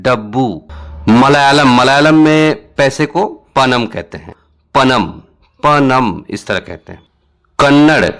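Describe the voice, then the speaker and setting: A man presenting an explanatory lesson, going slowly and repeating each word several times so viewers can follow. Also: medium pitch, fairly bright tone. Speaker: educational video presenter.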